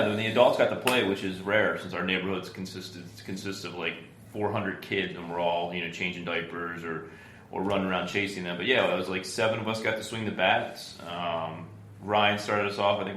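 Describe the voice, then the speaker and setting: A man's voice: low-pitched, fairly even intonation, moderate pace, a bit bright, roomy sound, a little hiss or hum. A man co-hosting a casual podcast chat, telling stories in an easygoing way with lots of fillers, his voice tired and groggy. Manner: easygoing, filler-heavy storytelling. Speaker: podcast co-host.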